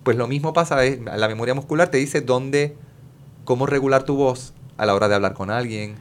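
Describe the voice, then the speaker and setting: A man, a music therapist talking as a guest in a casual conversation and explaining with lively examples. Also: medium pitch, brisk, smooth. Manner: animated, explains with examples, Caribbean Spanish slang.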